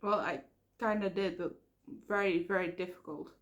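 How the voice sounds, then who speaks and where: A Dutch woman from the Netherlands talks casually in a personal vlog, earnest and rambling, with fillers and self-corrections. Her voice is lowish and moderately paced, and the audio sounds dull.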